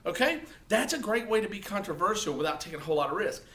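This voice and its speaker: He speaks quickly in a high voice with lively intonation and a slightly bright tone. In a casual social-media clip, he addresses the camera with blunt, profane advice, often ending points with "okay?"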